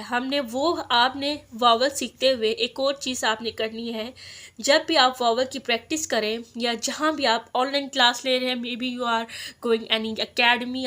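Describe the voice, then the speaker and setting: A woman teaching a stenography lesson, reading rules slowly and repeating example words to drill vowel sounds. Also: fairly high pitch, bright, forceful tone. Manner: reads English rules slowly, then explains in Hindi. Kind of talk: spoken lesson.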